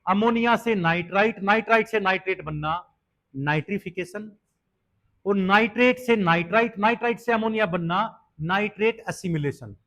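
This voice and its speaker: High-voiced male biology teacher. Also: normal speed, fairly bright tone. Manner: explains step by step, asks students questions; mixes English terms into Hindi teaching. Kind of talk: exam-prep lecture.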